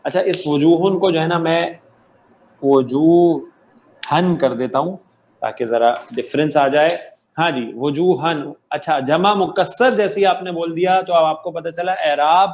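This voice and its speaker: A man's voice: fairly high pitch, slight background noise. A man teaching an online Arabic grammar class, quizzing students patiently and affirming their answers. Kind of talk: interactive online class lecture.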